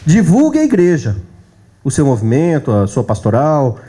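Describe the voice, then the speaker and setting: A man's voice: a little high, huge pitch swings, moderate pace, dark tone. A man with a Brazilian accent giving a church workshop lecture to a live audience, speaking in a conversational way and often checking in with his listeners. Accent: Brazilian Portuguese.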